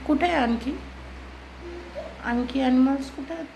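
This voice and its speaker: A woman filming her toddler at home on a phone, patiently repeating gentle instructions to coax the child. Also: high voice, a little slow, vocal fry, background noise. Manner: patient, repetitive, gently coaxing. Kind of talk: coaxing a small child on camera. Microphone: phone camera.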